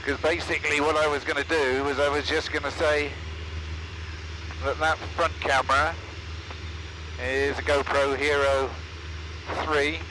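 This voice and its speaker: A man in a small plane in flight, calmly explaining his camera setup over a headset intercom. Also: fairly high pitch, a little slow, pauses often, background noise. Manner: matter-of-fact, explanatory. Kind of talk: explaining while flying. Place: small aircraft cockpit in flight. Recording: cockpit intercom over engine drone.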